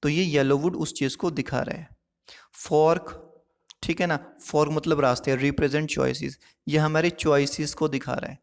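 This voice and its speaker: A male teacher with a fairly high voice, walking listeners through a lesson one step at a time. He keeps stopping to check that they are following. His voice rings with a long reverb, as in a hall. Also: steady tone, moderate pace, creaky. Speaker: English teacher. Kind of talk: classroom lesson explaining poetic devices.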